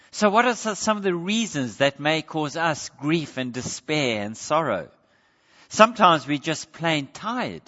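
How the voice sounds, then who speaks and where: A man preaching a sermon, earnest, moving between quiet pleading and raised emphasis. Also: a little high. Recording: dull lo-fi sound with long hall reverb.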